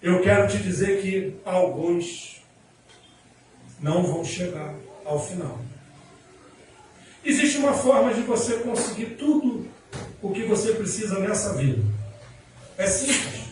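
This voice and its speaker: A man's voice: sits high, a little slow, pauses often, a little hiss or hum. A man in his thirties with a Rio de Janeiro accent, preaching a sermon in a casual storytelling way with slang. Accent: Rio de Janeiro Portuguese. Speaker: pastor. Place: church service. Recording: very echoey church, mic at a distance.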